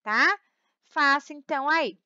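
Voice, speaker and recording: A Brazilian Portuguese woman teaching a recorded lesson, her voice high and bright. She explains patiently, repeating words and checking that students follow. The sound is dry and a little dull, close to the mic. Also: slow, dry recording. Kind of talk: recorded remote class lesson.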